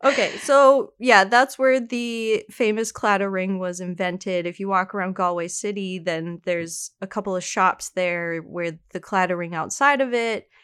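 A woman co-hosting a casual true-crime podcast, chatty, telling the story with quick asides. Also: medium pitch, steady tone, fairly bright tone, clean tone. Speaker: podcast co-host.

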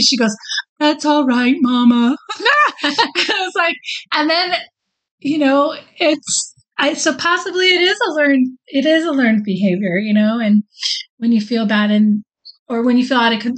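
A middle-aged woman with a somewhat high voice talks casually on a podcast. She tells stories in a chatty way and laughs easily. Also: normal speed, rough recording. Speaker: podcast co-host. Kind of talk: casual chat.

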